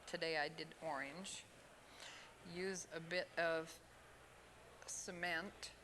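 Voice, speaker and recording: A woman from Oregon giving an unhurried step-by-step fly tying demonstration at an expo. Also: on the low side, a bit bright, a little hiss or hum. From Oregon, USA. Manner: unhurried, plain instructional talk with pauses. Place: expo hall.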